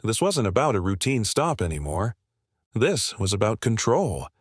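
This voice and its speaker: A man narrates a scripted dramatic story in a steady, even reading. His voice sits on the low side and sounds dry and close, with no room around it. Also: moderate pace, slightly rough, no echo.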